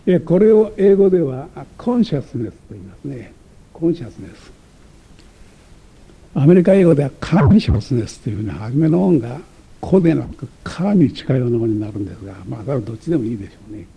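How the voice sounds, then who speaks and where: Male lecturer, dark husky voice, reads from a text and explains, hesitant and digressive. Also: medium pitch, sing-song, quick pace. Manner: digressive, many hesitation fillers and self-corrections.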